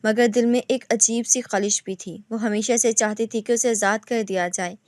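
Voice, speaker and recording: A woman reading a romantic novel aloud in steady scripted narration. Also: a little high, no echo, clean studio sound.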